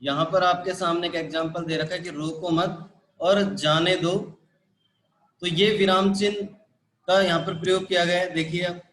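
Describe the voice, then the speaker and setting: A man with a fairly high voice teaches a live grammar class, patiently repeating each point and checking in with his students. The sound rings around a roomy, echoey space. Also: fairly even intonation, normal speed, fairly bright tone. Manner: repetitive, patient explaining with frequent "ठीक है" and "देखो". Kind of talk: live online grammar lesson.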